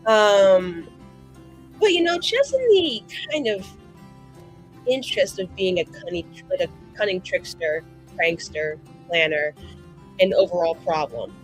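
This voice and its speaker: Over faint, soft background music, a young female player talks through a tabletop game with casual excitement, swearing, mischievous and theatrical. Her lowish voice is expressive and measured in pace, and the recording is rough.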